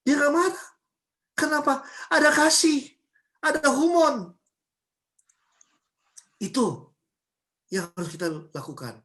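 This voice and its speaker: A woman pastor from Ambon giving a sermon at a church service, chatty and lively, full of homely examples and rhetorical questions. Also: high voice, slow, pauses often. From Ambon, Indonesia.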